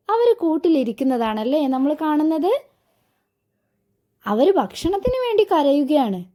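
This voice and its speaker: A woman's voice: high voice, mellow. A woman teaching an online class for young children. She talks in a patient, coaxing way, asks many questions and repeats words for the children to echo.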